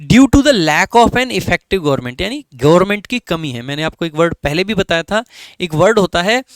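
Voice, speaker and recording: A man's voice: high voice, lively intonation, moderate pace, no echo. A man with an Indian English accent teaching an online exam-prep lesson, explaining each answer option step by step.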